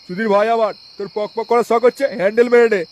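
A man voicing a foul-mouthed angry man in a comic cartoon, cursing in crude rapid bursts. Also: high-pitched, steady tone, darkish tone, lightly acted. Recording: noisy home recording.

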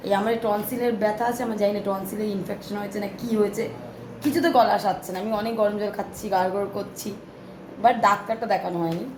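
A young woman speaks in a rapid, chatty stream, addressing her viewers directly. Her throat is hoarse. She records on a phone held in her hand at home, with a faint background hum. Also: mid-range voice, fairly even intonation. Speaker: vlogger. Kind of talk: casual home vlog talk to viewers. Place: small home flat.

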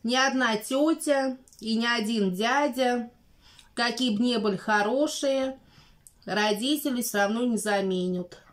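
A woman's voice: a little high, unhurried. A woman chatting casually while chewing food in an eating vlog. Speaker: vlogger. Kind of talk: casual mukbang chat.

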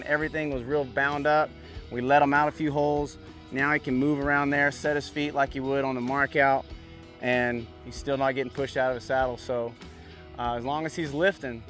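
A man's voice: medium pitch, fairly bright tone. A man in his thirties coaching a new bronc rider outdoors at a ranch pen, talking in a loose, easygoing way and often saying "you know what I'm saying". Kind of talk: casual instruction.

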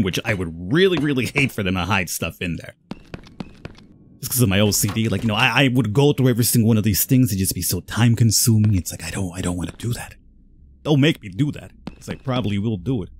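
A man's voice: on the low side, a little hiss or hum. A man hosting a horror game playthrough, chatting and rambling casually to his viewers. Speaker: gaming video host.

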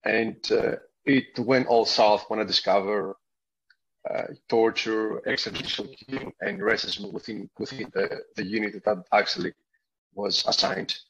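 A man who grew up in Greece, a whistle-blower guest giving a halting personal account on a video call, with many fillers and restarts. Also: on the low side, fairly bright tone, dull audio, slight background noise.

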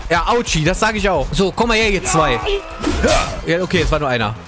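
Young gamer dude yelling and laughing thru a match, voice jumps all over, music playing under it. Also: male voice, a little high, brisk. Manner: excitable, slangy, laughs often, yelps at hits. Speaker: gaming YouTuber. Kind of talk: gameplay commentary.

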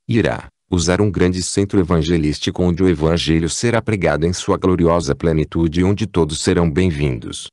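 A man with a Brazilian Portuguese accent reading an audiobook in a calm, even narration. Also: sits low, no echo, studio quality. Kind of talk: scripted narration.

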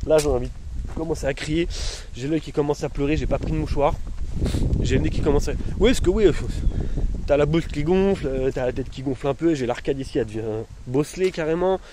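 Speaking a little high and a little fast, a man in his thirties vlogs casually while hurting, filming himself outdoors with his phone at arm's length. He rambles to his followers in slang among the trees and bushes, and the recording is noisy with outdoor ambience.

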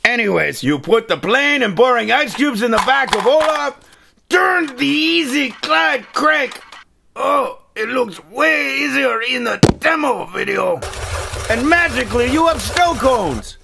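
Man playing a gravelly, high-pitched manic superhero toy. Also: expressive, a little slow, noisy background, exaggerated voice. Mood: upbeat showy. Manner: exaggerated, theatrical delivery. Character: manic self-important superhero action figure reviewing toys, comically neurotic. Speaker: toy reviewer. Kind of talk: comedic scripted toy review.

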